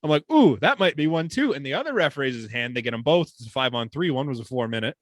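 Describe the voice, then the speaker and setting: A young man from Canada co-hosting a sports podcast, telling stories in a casual, animated way with some swearing. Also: quick pace, no room sound. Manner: animated storytelling, swearing, lively pitch swings. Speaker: podcast co-host. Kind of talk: casual chat.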